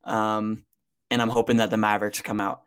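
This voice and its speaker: A man co-hosting a casual sports podcast, giving measured opinions and pausing often with ums. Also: fairly low pitch, level tone, a bit bright, smooth. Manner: measured, pauses with frequent ums.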